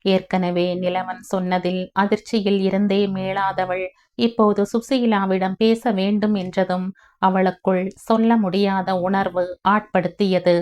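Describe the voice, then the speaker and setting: A woman narrating a family novel in an even, measured reading. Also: medium pitch. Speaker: audiobook narrator. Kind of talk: scripted story narration.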